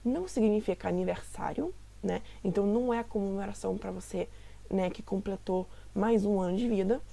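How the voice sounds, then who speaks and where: A woman from Italy, gives a patient online language lesson and keeps checking that her listeners understand. Her voice is gravelly and husky, with a mellow, dark tone. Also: mid-range voice, brisk. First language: Italian. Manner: patient, often checks understanding with tag questions. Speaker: language teacher.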